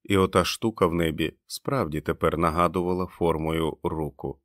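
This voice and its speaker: Deep-voiced male audiobook narrator. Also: steady tone, normal speed, fairly bright tone, dry recording, clean studio sound.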